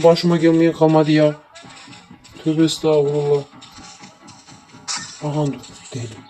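Gamer guy, grumbly running commentary, slightly high voice, clear game music underneath. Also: warm tone, rough recording. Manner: grumbling, talks to the game and viewers, mutters oaths. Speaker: gameplay streamer. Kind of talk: casual gameplay commentary. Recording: game music playing behind.

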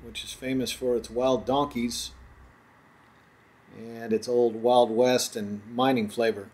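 A man narrating his own road trip as a travel voice-over, in a relaxed, chatty tour-guide manner. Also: mid-range voice, takes it slowly, breathy edge.

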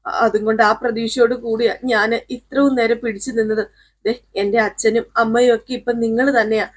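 A woman's voice: fairly high pitch, little pitch movement, moderate pace, close to an everyday voice. A woman doing a tearful pleading young bride. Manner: faltering, pleading.

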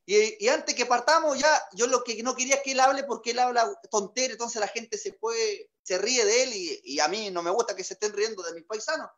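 A man's voice: extremely high pitch, a little fast, hardly any pauses, a bit bright, highs cut off. A man with a Chilean Magallanes accent, a comedian telling a story in a chatty way with crude slang and boastful jokes. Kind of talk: stand-up comic storytelling.

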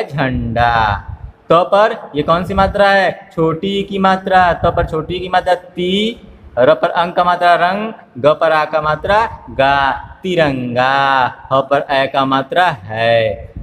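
A higher-pitched man teaches young children to read, spelling each word out slowly, one syllable at a time, and repeatedly asking what it makes. His voice carries a long reverb, with a faint room hum behind it. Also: a bit bright. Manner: slow, drawn-out spelling aloud, syllable by syllable, with repeated questions. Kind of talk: phonics lesson for small children.

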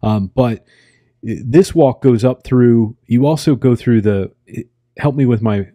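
An American man hosting a podcast, chatting in an unhurried, reflective way and searching for his words. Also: mid-range voice, mellow, dry recording. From United States. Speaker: podcast host. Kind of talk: casual interview conversation.

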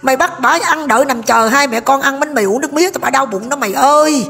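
Fast, high-pitched scolding Southern Vietnamese woman. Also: fairly bright tone. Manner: scolding, addresses viewers directly. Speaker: vlogger. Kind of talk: gossip commentary.

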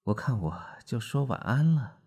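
A man voicing an exhausted, drunken middle-aged writer who talks slowly in a weary half-whisper. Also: medium pitch, animated, gravelly, mellow, husky, pitched above the performer's own voice.

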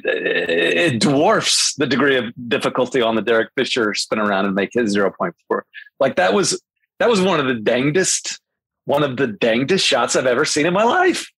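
A man's voice: mid-range voice, creaky, a bit bright, husky, no echo, poor audio. A man hosting a casual sports podcast, chatty and full of restarts. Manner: chatty, many restarts and fillers. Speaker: podcast host.

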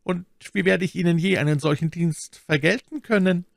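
A man's voice: sits high, normal speed, gravelly, no echo, clean studio sound, voice pushed up. A man reading an audiobook, voicing a cunning, vengeful noblewoman in a raised, coaxing voice. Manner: coaxing, imperious. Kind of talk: audiobook character voice.

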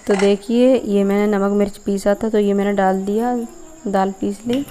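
A woman's voice: mid-range voice, fairly even intonation, moderate pace, dark tone, a little hiss or hum. A young woman from Uttar Pradesh, India, explaining each step as she cooks in a rural courtyard. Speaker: village cooking vlogger. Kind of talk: casual cooking narration.

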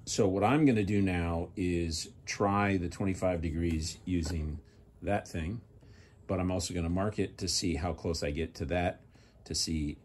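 A middle-aged man talks through his project in a garage, his deep, low voice explaining each step as he thinks aloud. The recording comes from a camera held while he works. A faint hum of background noise sits behind him. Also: a little mellow. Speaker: hobby car restorer. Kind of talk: casual workshop narration.

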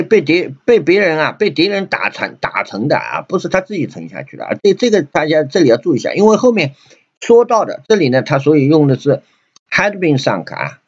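A man's voice: high voice, very animated. Chinese-accented man teaching English grammar. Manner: repetitive, many fillers and restarts, reads English slowly. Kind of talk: grammar lesson explaining sentences. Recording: dull lo-fi recording.

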